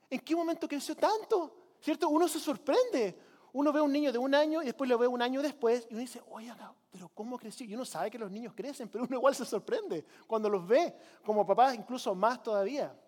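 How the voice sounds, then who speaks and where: A man's voice: extremely high pitch, a little mellow, long reverb tail. A man preaching a sermon as pastor, urging his congregation to repeat lines with him. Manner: preaching with call-and-response to the congregation. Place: church.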